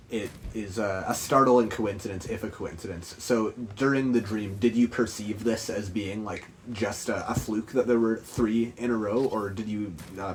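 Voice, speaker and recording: Low-voiced measured man. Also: a little hiss or hum, low-quality recording. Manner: measured, thoughtful questioning. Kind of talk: casual group chat about dreams.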